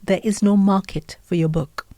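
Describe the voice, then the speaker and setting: With no room sound, a woman's mellow, mid-range voice moves at normal speed and fairly even intonation. She's a middle-aged podcaster and author with an Indian accent, earnestly telling her story in a candid interview and quoting her inner self-talk as she lists things.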